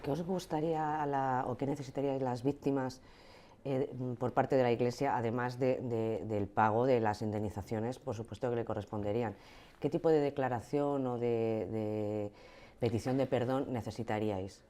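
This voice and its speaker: An interviewer who asks measured questions with a few hesitations. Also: medium pitch, fairly even intonation, mellow.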